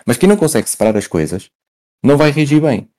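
A man's voice: medium pitch, big pitch swings, fast, mellow. A man with a European Portuguese accent explaining his view in casual talk, repeating himself and checking that he is followed.

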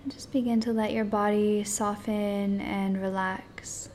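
A woman leading a guided meditation in a soft, hushed, partly whispered voice, speaking in short phrases with long pauses. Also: mid-range voice, little pitch movement, a little hiss or hum.

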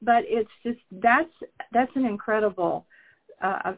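A woman's voice: on the high side, a crowd in the background. Casting: female podcast host, eager and stop-start, sounding like she's on a thin phone line. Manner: enthusiastic, halting with restarts and laughs. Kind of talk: podcast interview. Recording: phone-like narrow audio.

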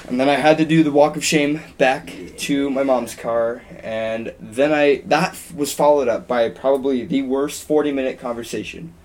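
Young guy rambling thru a story on a podcast, lots of ums, middle pitch. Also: moderate pace, few pauses, darkish tone. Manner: rambling, with frequent ums and restarts. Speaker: podcast co-host. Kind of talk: casual storytelling chat.

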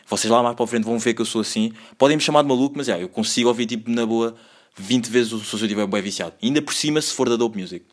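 Racing along at medium pitch, a Lisbon-accented man in his twenties delivers a solo, casual podcast monologue as host. His talk is loose and rambling, packed with slang and filler words.

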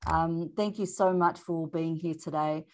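A woman's voice: low-pitched, fairly even intonation, a little slow, darkish tone. A woman with a Māori New Zealand accent, informally moderating a panel and mixing in Māori words. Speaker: panel host.

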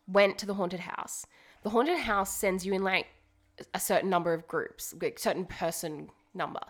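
A woman's voice: mid-range voice, moderate pace. Chatty woman telling stories. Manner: rambling, animated storyteller with many "like" fillers. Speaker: podcast co-host. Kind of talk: casual chat, storytelling. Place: home dining room.

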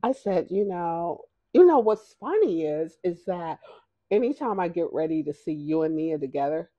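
An older woman telling a story in a recorded interview, blunt and profane in an animated way. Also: lowish voice, moderate pace, no echo, lo-fi sound. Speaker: mother of the hosts.

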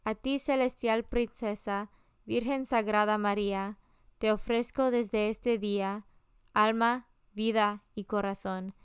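Slow, solemn woman reading scripture. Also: mid-range voice, steady tone, smooth, no room sound, studio quality. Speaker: scripture reader.

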